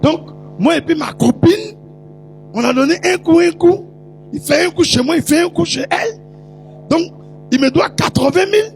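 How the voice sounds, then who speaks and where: A shrill, mincing male prison inmate squeals his lines high above normal speech. A man puts him on as a mocking impression, pushing the voice up into an exaggerated falsetto with faint guitar music behind. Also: lively intonation, moderate pace, gravelly, long pauses, full character voice. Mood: complaining.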